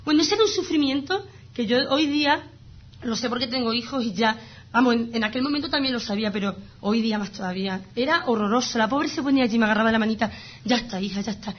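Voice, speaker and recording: Woman in her 30s talking fast and animated, highish voice, kinda dull lo-fi sound. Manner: animated, emphatic storytelling. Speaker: guest sharing her illness story. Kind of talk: casual conversation.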